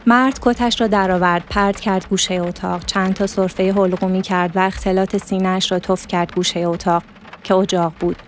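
A woman's voice: medium pitch, steady tone, slight background noise. Woman narrating a literary story. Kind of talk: literary audiobook reading.

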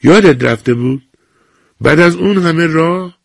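A man voicing a brisk, impatient nurse who asks curt, firm questions in a raised voice. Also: a little high, very animated, breathy edge, no room sound, clean studio sound, voice pushed up, exaggerated voice.

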